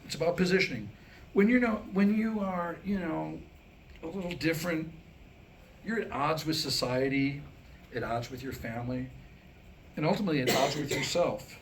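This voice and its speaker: An American man, on the high side in pitch, performs his own new comic script as a staged monologue for a small live audience. The humor is wry and self-deprecating, with deliberate pauses framing punchlines, and the live recording is noisy.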